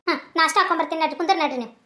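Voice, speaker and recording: A fast, very high-pitched cartoon mother from the village, nagging and worn down, as a woman puts her on. She speaks with a North Karnataka Kannada accent and quick, clipped scolding. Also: sharp tone. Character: worried village mother, middle-aged, tired and scolding. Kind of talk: cartoon dubbing.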